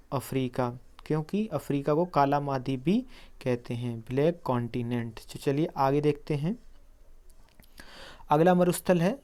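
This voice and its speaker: A man's voice: on the high side, a little mellow, clean tone. A man teaching an exam-prep lesson on video, explaining memory tricks and answering his own quiz questions as he addresses viewers as friends. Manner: asks quiz questions and answers them himself.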